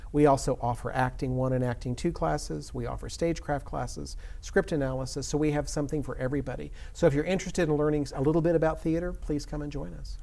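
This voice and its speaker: A man's voice: fairly high pitch, vocal fry, mellow. A man speaking as an interview guest and theater educator, earnest and emphatic in conversational answers.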